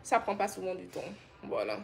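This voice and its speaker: A woman's voice: fairly low pitch, fairly quick, gravelly, slight background noise. A woman from Benin, hosting a live stream and chattily answering viewer comments about skincare. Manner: chatty and affectionate, laughs often, reads comments aloud. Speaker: skincare brand host.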